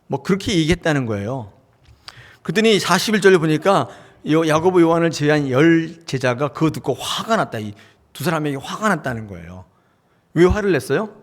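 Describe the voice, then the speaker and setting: A man's voice: fairly high pitch, lively intonation, a little fast. A man preaching a sermon as pastor, talking in a conversational way, asking the congregation questions and acting out short dialogues. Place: church sanctuary.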